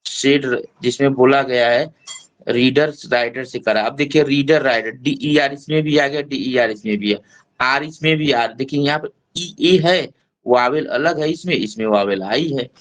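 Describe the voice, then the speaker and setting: A man teaching an online English class in Hindi, explaining terms step by step and reading English lines slowly. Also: mid-range voice, poor audio. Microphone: online class mic.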